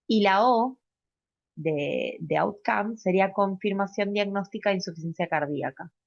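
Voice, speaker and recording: Woman lecturer, mid-pitched, explanatory, frequent "¿sí?" checks. Dull lo-fi sound. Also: moderate pace, gravelly, dry recording. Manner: explanatory, often checks in with a rising "¿sí?"; fillers and self-corrections while explaining. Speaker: pediatric residency lecturer. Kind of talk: recorded medical class lecture.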